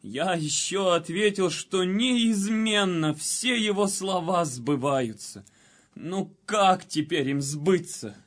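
An actor playing a troubled, doubting but loyal servant who speaks earnestly in verse drama. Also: male voice, high-pitched, lively intonation, slow. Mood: downcast.

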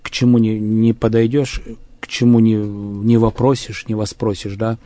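A man in a religious discussion, speaking haltingly with many fillers and restarts. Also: fairly low pitch, level tone, dark tone, no room sound.

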